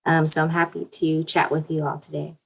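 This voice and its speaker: A woman's voice: deep voice, monotone, brisk, gravelly, slightly rough, low-quality recording. A woman speaking carefully with many fillers as a doctoral-candidate panelist on a video call. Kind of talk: online panel talk.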